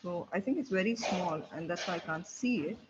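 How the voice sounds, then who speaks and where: A man presenting a live software demo in a webinar, talking himself through each step as he clicks. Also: high voice, fairly quick. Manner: thinking aloud while clicking through a tool. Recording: dull lo-fi webinar audio with faint hiss.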